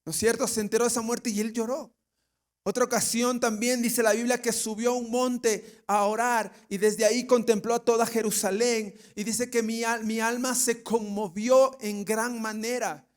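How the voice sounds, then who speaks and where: A pastor with an Ecuadorian Spanish accent preaches a sermon in a very high voice, with flat delivery at normal speed. He asks the congregation questions, jokes and laughs, and now and then mimics the people he quotes.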